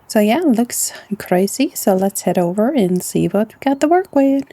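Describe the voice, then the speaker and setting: A woman with a Norwegian accent hosting a casual let's-play, chatty and often dropping into a soft half-whisper. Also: mid-range voice, lively intonation, moderate pace, no room sound. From Norway. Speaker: gaming channel host.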